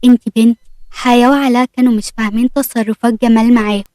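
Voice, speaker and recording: Brief: Egyptian woman storyteller, fast even narration, dry close mic. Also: a little high, dry recording. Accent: Egyptian Arabic.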